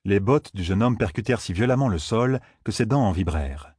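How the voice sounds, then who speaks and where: A man narrating an audiobook in a measured storytelling manner. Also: lowish voice, expressive, a little mellow, slightly rough, dry recording, studio quality. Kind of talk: scripted narration.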